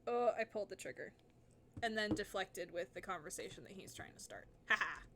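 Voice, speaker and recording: A woman chatting casually with friends while streaming a game, talkative and quick to laugh. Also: mid-range voice, background noise.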